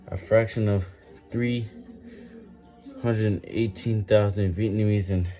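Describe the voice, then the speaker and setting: A man reading a book aloud while doing push-ups, halting and stumbling over words with some physical strain. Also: lowish voice, steady tone, dark tone, soft background music. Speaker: reader making a daily reading-while-exercising video.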